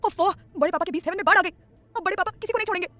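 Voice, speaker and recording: A woman's voice: high-pitched, racing, faint music behind, natural voice. Woman playing a whiny lazy young man.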